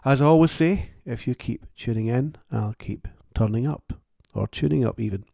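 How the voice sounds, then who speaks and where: A man with a warm, low-toned voice and a little fry in it hosts his own show. He speaks alone in a plain-spoken, thoughtful and wry way. The sound is close and dry, with no room around it. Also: normal speed, no echo. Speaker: author and podcast host. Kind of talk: reflective solo monologue.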